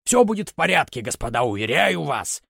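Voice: sing-song, a little fast, creaky, slightly rough, dry recording, studio quality, exaggerated voice. Karabas-Barabas, a blustering gloating puppet master, as a reader puts him on. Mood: unctuous. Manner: booming, gloating laughter, sneezing fits. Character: blustering puppet-theatre owner, cruel showman. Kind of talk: reading a children's play script aloud.

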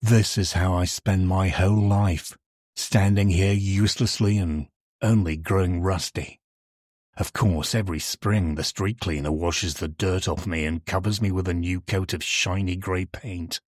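A man voicing an old, lonely male street lantern in a storybook reading, complaining and daydreaming, with a husky voice. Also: low voice, fairly even intonation, a little slow, a little mellow, dry recording, clean studio sound. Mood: grumbling.

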